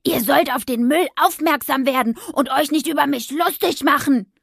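A hot-tempered young witch from an audio storybook speaks brash and self-righteous, her voice pitched above the narration, as a woman reader acts her out. A husky, grainy tone, close and dry. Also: normal speed, no room sound. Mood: furious. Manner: indignant, brash, shouting at passers-by.

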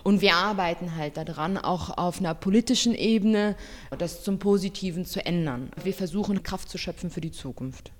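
A woman's voice: on the low side, moderate pace. Brief: female social worker, earnest hopeful interview clip, long room reverb. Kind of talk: interview soundbite.

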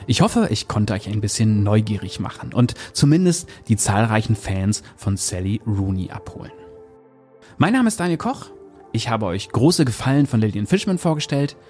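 A man presenting a novel, reading an excerpt aloud and then discussing it in a calm, measured way. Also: fairly low pitch, soft background music. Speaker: book reviewer. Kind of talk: book review with read-aloud excerpt.

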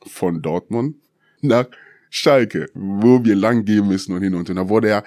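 A middle-aged man with a very low voice tells a long story in a casual interview, jumping into the quoted lines himself. The sound is close and dry, with no room around it. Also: normal speed, dry recording. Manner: lively storyteller, acts out quoted dialogue. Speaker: guest, former footballer.

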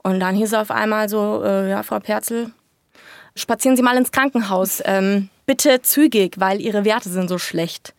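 A woman's voice: medium pitch, unhurried, no echo. Candid woman with a dry sound. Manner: colloquial, candid, drops to a soft breathy half-whisper at times. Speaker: guest sharing a birth story. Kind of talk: casual conversation.

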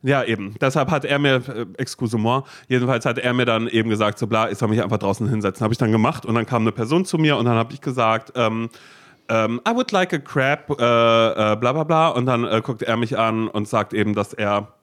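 A man's voice: medium pitch, fairly quick, fairly bright tone. A young man hosting a casual podcast chat, telling a self-mocking story full of fillers and restarts. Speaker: podcast host.

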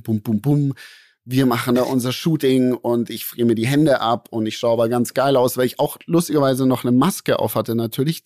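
A man, telling a long story as a podcast co-host in a lively, slangy way and acting out the voices in it. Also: mid-range voice, no room sound, studio quality. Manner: animated, acts out voices in his anecdote, slangy. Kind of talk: casual storytelling among friends.

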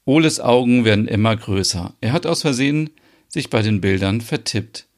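A man's voice: mid-range voice, animated, normal speed. A man narrating the stage directions of an audio drama in a plain, matter-of-fact way.

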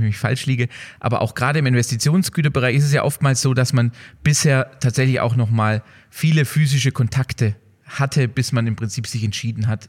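A man hosting a business podcast, asking long, elaborate questions and summing up his guest's points. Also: medium pitch. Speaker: podcast host. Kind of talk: podcast interview.

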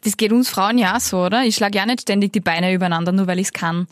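A woman's voice: mid-range voice, steady tone, fast talker, no echo, studio quality. A woman, co-hosting a podcast with wry, blunt remarks. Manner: wry, blunt, joking asides. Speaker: podcast co-host. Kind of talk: casual chat.

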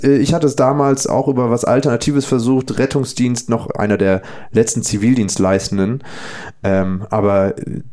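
A man's voice: mid-range voice, a little mellow. A man co-hosting a podcast, asking chatty, teasing questions in a casual interview. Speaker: podcast co-host.

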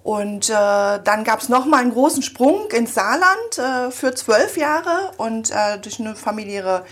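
A woman's voice: a little high, big pitch swings, unhurried. A woman in her forties from Berlin, chatting in an interview in a small office and rambling with many fillers. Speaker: guest. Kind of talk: casual interview chat.

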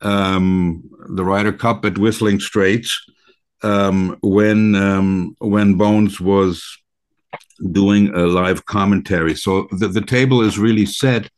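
A man hosting a radio talk show in a conversational style, with halting, deliberate phrasing. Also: low voice, fairly even intonation.

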